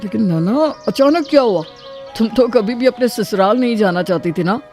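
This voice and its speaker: A woman voicing an agreeable young husband in an animated storybook, with a mild, easygoing manner. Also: on the high side, moderate pace, lightly acted. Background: faint music.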